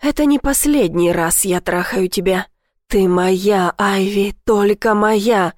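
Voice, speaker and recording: A woman's voice: takes it slowly, a little mellow, no echo, studio quality, natural voice. A woman voicing a possessive young male lover. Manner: low husky murmur.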